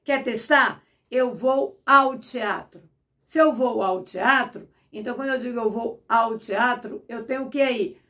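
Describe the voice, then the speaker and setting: A middle-aged woman teacher with a fairly high voice explains grammar patiently. She asks herself questions and answers them, repeating examples slowly. Her voice sounds a little distant from the microphone. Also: bright, forceful tone. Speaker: Portuguese teacher.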